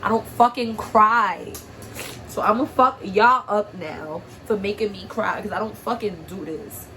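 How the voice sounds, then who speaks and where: A young woman from Harlem talks straight to her camera while crying, her nose stuffed up and her voice shaky. She speaks bluntly, swears freely and has a tough street edge, at a middle pitch. Steady noise sits clearly behind her voice. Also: a little slow, rough recording. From Harlem, New York. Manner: blunt, profane, streetwise talk. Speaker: vlogger. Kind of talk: emotional personal vlog.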